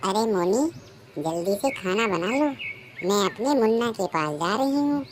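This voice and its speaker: A woman's voice: medium pitch, expressive, a little slow, a little hiss or hum, lightly acted. Woman voicing a bossy stepmother sparrow. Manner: commanding. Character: bossy stepmother sparrow, sweet turning harsh. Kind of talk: cartoon voice acting.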